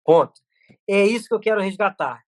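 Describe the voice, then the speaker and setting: A middle-aged man, chatting as a guest on a podcast. He rattles off stories at a quick clip, stumbling and restarting mid-sentence. His voice sounds dry and close to the mic. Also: high-pitched, expressive, no echo. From Brazil. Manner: rapid storytelling with many restarts. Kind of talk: casual chat.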